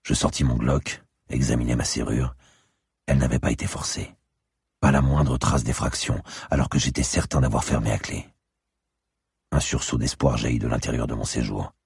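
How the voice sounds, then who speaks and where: Deep raspy guy reading a crime novel, dry close sound, slow careful delivery. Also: steady tone, a little mellow, no room sound. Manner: measured, literary reading. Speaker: audiobook narrator. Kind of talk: scripted narration of a crime novel.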